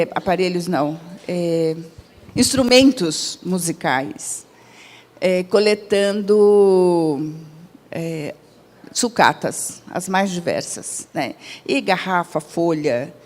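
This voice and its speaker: A woman's voice: lowish voice, a little mellow. Brazilian woman lecturing in a reverberant hall. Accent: Brazilian Portuguese. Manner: conversational, asks the audience questions, frequent "né?"; acts out quoted dialogue in her own voice. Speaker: lecturer at a spiritist center. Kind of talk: spoken public lecture.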